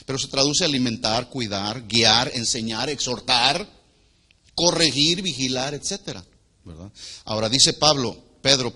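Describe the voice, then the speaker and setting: A man preaching a sermon to a congregation as their pastor. He asks the people questions, waits for their answers, and swings between loud emphatic lines and quiet asides. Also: mid-range voice. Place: church hall before a congregation.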